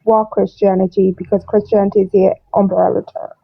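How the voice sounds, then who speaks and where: A woman's voice: medium pitch, level tone, brisk, gravelly, slightly rough, dry recording. An Irish woman in a casual live debate, her voice muffled as if heard through a wall, asking pointed questions. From Ireland. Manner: pointed, questioning, picks at terms. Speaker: participant in a live online debate.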